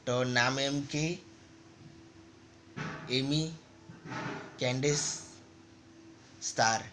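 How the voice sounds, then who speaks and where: Man narrating in a flat, rambling tone. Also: medium pitch, extremely slow, noisy background. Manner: rambling, repetitive phrasing. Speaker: gaming channel narrator. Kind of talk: casual story narration over gameplay.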